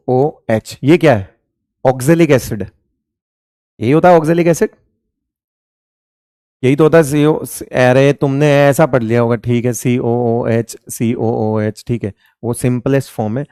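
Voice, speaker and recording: In a classroom lecture, a man teaches chemistry in Hindi, repeatedly posing questions to the class and answering them himself while fondly calling his students beta and raja. His mid-range voice is mellow, and the recording is dry and studio quality.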